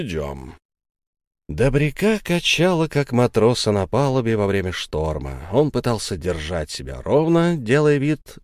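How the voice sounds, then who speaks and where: A man's voice: medium pitch, no echo. A man narrating a story aloud in an audiobook style. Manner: expressive storytelling. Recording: dry close recording.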